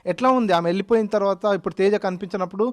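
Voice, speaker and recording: A female reporter asking steady, probing questions in a news interview. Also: medium pitch, rapid-fire. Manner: steady questioning with brief acknowledgments.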